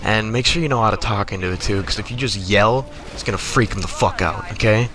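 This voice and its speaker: Here a young adult American gaming video creator narrates offhand comic stories over gameplay, sounding exasperated and cursing freely in a conversational tone. He speaks on the low side and briskly, against noticeable background noise.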